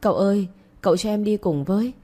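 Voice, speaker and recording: A woman's voice: medium pitch, fast, dark tone, lightly acted. Woman reading as a naive young servant girl. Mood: pleading. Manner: pleading, innocent.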